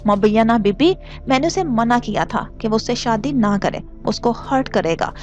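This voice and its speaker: An angry, tense young man speaks in short, curt bursts, as a woman reads his lines. He sounds upset and restless, pushing hard to be heard. This is a storybook audio drama with soft music underneath. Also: on the high side, lively intonation, normal speed, lo-fi sound, close to an everyday voice. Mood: agitated. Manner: curt and agitated.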